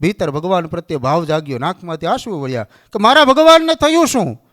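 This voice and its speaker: A man's voice: sits high, very animated, brisk, fairly bright tone. A man with a Kathiawadi Gujarati accent giving a storytelling sermon, acting out the dialogue of the figures in the tale. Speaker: religious speaker.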